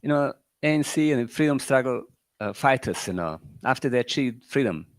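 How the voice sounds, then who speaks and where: A middle-aged Croatian-accented entrepreneur gives rambling closing remarks at a panel, his medium-pitched voice lively and brisk. He fires off rhetorical questions and fills gaps with "you know." The recording is dry.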